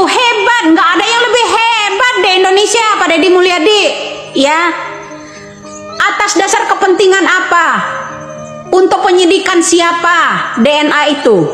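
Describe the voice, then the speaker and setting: Insistent high-voiced woman in her fifties. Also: fairly bright tone. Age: 50s. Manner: insistent, repeats rhetorical questions. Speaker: online commentator. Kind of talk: impassioned monologue to camera. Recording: echoey reverberant room.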